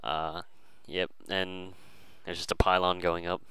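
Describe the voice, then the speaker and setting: A man's voice: sits low, flat delivery, a little slow, a bit bright, smooth, dry recording, poor audio. A man casually commentating a strategy game, hesitant and full of fillers and restarts.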